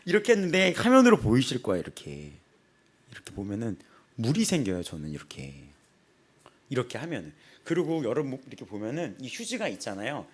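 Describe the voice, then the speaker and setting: A young man in his twenties preaching a casual sermon in a small church, telling personal stories with lively acted-out quotes and frequent laughter. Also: mid-range voice, normal speed, husky. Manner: animated storytelling, acts out quotes, laughs often. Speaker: pastor.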